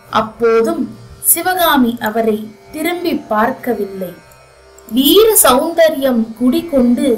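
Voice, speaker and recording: A woman reading a historical novel aloud as narrator, in an even, unhurried storytelling manner over faint background music. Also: high voice, poor audio. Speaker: audiobook narrator.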